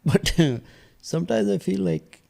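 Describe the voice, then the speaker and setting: Man, podcast guest, reflective storytelling, hesitant, soft trailing asides. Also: high-pitched, huge pitch swings, unhurried, creaky. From India.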